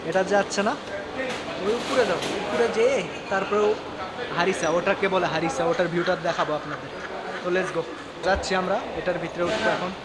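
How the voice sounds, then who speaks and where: Young male travel vlogger, Bangladeshi Bengali accent, high-ish voice, chatty and repetitive, noisy outdoor phone audio. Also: a little fast. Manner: chatty, repetitive, keeps addressing viewers as guys. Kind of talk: casual travel vlog narration. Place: outdoors on a hilltop site, in the rain.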